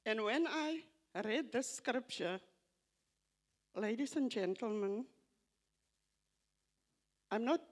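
An older church member, a non-native English speaker with an Afrikaans accent, offers a tribute at a church gathering by reading scripture slowly and reflecting on it. Her somewhat high voice is expressive, and she stumbles and repeats phrases.

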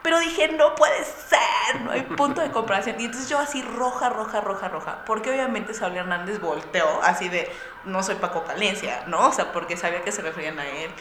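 A young woman with a Mexican Spanish accent, telling a lively anecdote to friends and acting out the voices of the people in it. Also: mid-range voice, brisk, reverberant, background noise. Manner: lively storyteller acting out voices with bursts of laughter.

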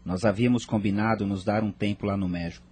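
A man's voice: on the low side, steady tone, fast talker, a little mellow, slightly rough. An actor in a radio drama playing a grieving father who talks in an earnest, reflective way. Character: grieving widowed father seeking faith.

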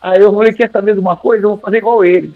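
A young man, a singing teacher, telling animated, slangy stories in a podcast interview and acting out his own old lines. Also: high voice, rapid-fire. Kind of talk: casual storytelling in a podcast interview. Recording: tinny phone-like sound with faint music.

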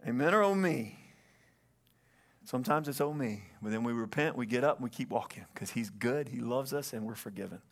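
An earnest church pastor preaches a sermon from the sanctuary stage into a stage microphone, repeating phrases and calling out for amens as he goes. His voice is medium-pitched and expressive, with vocal fry, and he speaks fairly quickly.

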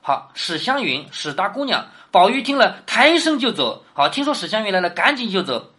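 A woman's voice: medium pitch, big pitch swings, moderate pace, pushed and bright, slightly rough. A woman teaching a classic novel, reading passages aloud and then explaining them, often asking her listener questions. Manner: asks the listener questions, reads quoted lines with more lift.

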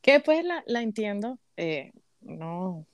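A middle-aged woman from Puerto Rico with a Puerto Rican accent, chatting as a guest in an interview, friendly and halting with restarts. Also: medium pitch, very animated, dry recording. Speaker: sports commentator, guest. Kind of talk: casual interview chat.

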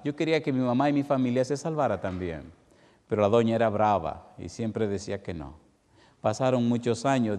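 A middle-aged man with a Dominican accent, a pastor giving an emotional, emphatic testimonial sermon that swings between raised emphasis and quiet drops. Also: on the low side, in a large hall. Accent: Dominican Spanish. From Dominican Republic.

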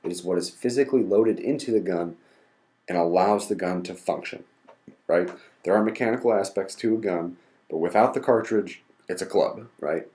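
His voice sits low and warm, moving at a moderate pace. The man hosts a podcast with a cold's congestion, methodically laying out basics and defining terms one step at a time.

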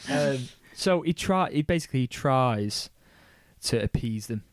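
A man's voice: mid-range voice, lively intonation, measured pace, no echo, clean studio sound. A man casually explaining history on a podcast, rambling and swearing, with many restarts. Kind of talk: casual chat.

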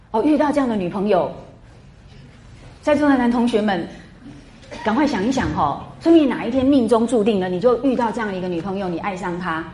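A woman lecturing a class on a classic novel, chatty and animated, full of rhetorical questions. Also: medium pitch, slight background noise. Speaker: literature lecturer. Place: classroom with students.

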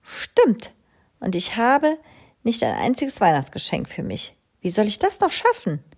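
A woman voicing a fussy, self-centered female crow who talks in an excitable, whiny and hurried way. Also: mid-range voice, voice pushed up, full character voice. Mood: flustered.

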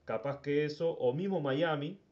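A man's voice: a little high, normal speed, muffled recording, very noisy. A Uruguayan man hosting a casual sports talk podcast, rambling and often repeating words as he thinks. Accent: Uruguayan Spanish. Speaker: podcast host.

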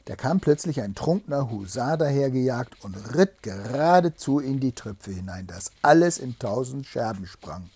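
A man reading a fairy tale aloud to a child, with a lively storytelling delivery. His voice is warm and mellow with a slightly husky grain, and he stops now and then to explain things gently. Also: mid-range voice, normal speed, hardly any pauses, no echo.

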